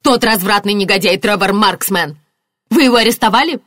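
A woman's voice: sing-song, a little fast, no room sound, studio quality. A woman reading an audiobook, voicing a distraught middle-aged mother who flares up and cries out. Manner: shrill, flaring up.

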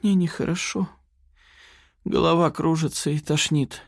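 A man's voice: a little high, sing-song, moderate pace, darkish tone, no room sound, clean studio sound, pitched above the performer's own voice. A man voicing a cocky, scheming young woman who taunts her timid other self. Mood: fake pleading.

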